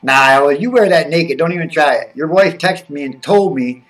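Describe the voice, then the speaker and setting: A man chats loosely on a live stream, joking with his viewers. His pitch moves a lot as he talks. He sits back from the mic, so he sounds a little distant. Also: lively intonation, normal speed, fairly bright tone. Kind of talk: casual live-stream chat.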